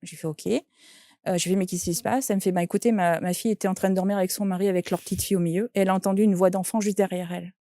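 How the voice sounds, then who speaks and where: A woman's voice: medium pitch, steady tone, rapid-fire, mellow, no room sound. A woman, a shaman and medium, telling an anecdote in an interview and quoting the people in it. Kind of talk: interview storytelling.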